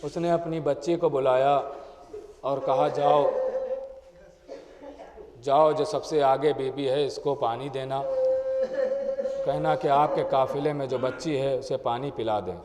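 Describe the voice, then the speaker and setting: A man's voice: medium pitch, steady tone, long pauses, a loud crowd. A man, a cleric telling a mourning story in a sermon with emotive, dramatic delivery. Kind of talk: majlis sermon narration. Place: mourning gathering hall. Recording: long hall reverb.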